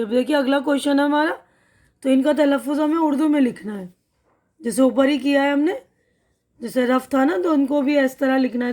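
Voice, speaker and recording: Her voice sits high with a darkish color as she teaches English words and their pronunciation in a Pakistani Urdu accent. Reading through word lists with patience, she says the words slowly more than once and keeps asking her students "theek hai na".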